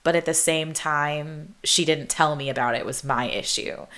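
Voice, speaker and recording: Low-voiced young woman, rambling storyteller. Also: moderate pace, sharp tone. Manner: rambling, self-interrupting, laughs between thoughts; heavy use of "like" and "um". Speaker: podcast host. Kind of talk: casual storytelling monologue.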